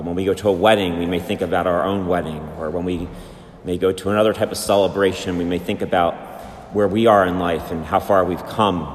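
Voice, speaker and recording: Low-voiced priest in cathedral echo. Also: male voice. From United States. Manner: chants the liturgical greetings. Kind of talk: sermon and liturgical reading. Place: large church, amplified in a reverberant space. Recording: cathedral echo, long church reverb.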